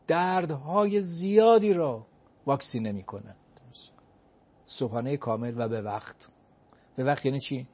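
A man's voice: medium pitch, husky. A man giving advice as an expert guest, emphatic, asking himself rhetorical questions and counting off his points one by one. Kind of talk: explanatory advice talk. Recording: dull lo-fi recording.

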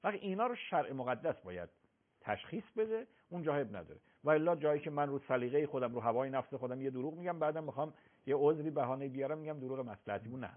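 A man teaches religious rulings on a live call-in program, building each point with examples and firm emphasis. His pitch moves expressively up and down. The sound is narrow and phone-like, as if heard through a tinny broadcast line. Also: lively intonation. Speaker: religious scholar answering questions.

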